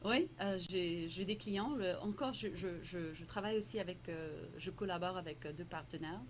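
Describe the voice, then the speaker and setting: An entrepreneur, a woman whose first language is Tamil and who grew up in Morocco, answers questions in French in a casual interview against a noisy background. Her fairly low voice moves at a moderate pace, hesitant, full of fillers, repeated words, restarts, and frequent laughter.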